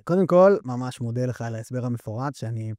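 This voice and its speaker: A young man hosting an interview, asking questions in a hesitant, halting way with many restarts. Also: medium pitch, expressive, dark tone, no room sound. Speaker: podcast host.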